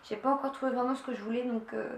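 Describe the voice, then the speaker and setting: This young vlogger races through her haul chat in a slightly high voice with fairly even intonation. Enthusiastic, stumbling over fillers and restarts, she records at home in an echoey room where faint ambience and a little hiss or hum can be heard.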